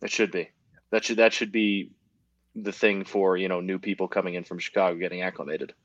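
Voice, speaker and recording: A young man with a low voice chats about betting in a rambling, filler-heavy way and sounds slightly out of breath. The recording is dull and dry. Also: little pitch movement, brisk, dry recording. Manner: chatty, rambling, many fillers. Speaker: sports betting podcast co-host. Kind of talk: casual sports betting chat. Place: hotel at high altitude.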